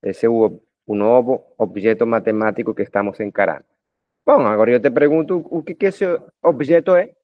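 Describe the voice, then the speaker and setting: A man's voice: medium pitch, a little fast, no room sound. Colombian man lecturing students, lo-fi. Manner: talkative, addresses students informally with frequent tag questions. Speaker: math lecturer. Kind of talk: recorded video lecture. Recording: dull lo-fi dry sound.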